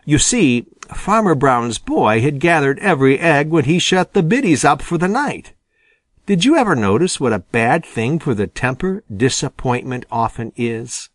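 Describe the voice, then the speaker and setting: Male audiobook narrator, storybook reading, animated pitch, dry close sound. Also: normal speed, no echo. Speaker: audiobook reader.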